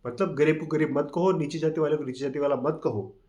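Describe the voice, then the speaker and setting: A man hosting a talk, reading scripture verses aloud slowly and then explaining them in plain with mixed in. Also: fairly high pitch, steady tone, mellow. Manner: reads quotes slowly, then explains in plain Hindi with English words. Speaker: channel host explaining a scripture.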